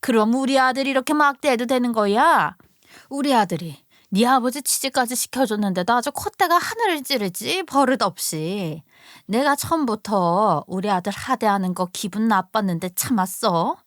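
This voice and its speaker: A woman voicing a shrill, scolding older mother-in-law in a storybook radio tale. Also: animated, moderate pace, no room sound, clean studio sound, natural voice.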